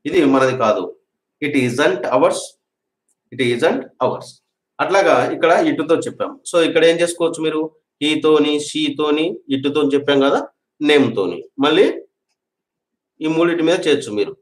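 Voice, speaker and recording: A man teaching a spoken English grammar lesson, patiently repeating example sentences slowly for learners to drill. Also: on the high side. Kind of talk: classroom-style grammar lesson. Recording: echoey room.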